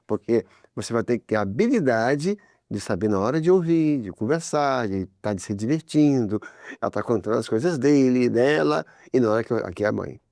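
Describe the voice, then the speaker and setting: A man with a Brazilian Portuguese accent discusses faith and family in a religious talk, his mid-range voice gravelly and creaky. He speaks briskly and conversationally, livening up when giving examples. The studio recording is dry and close, without room echo.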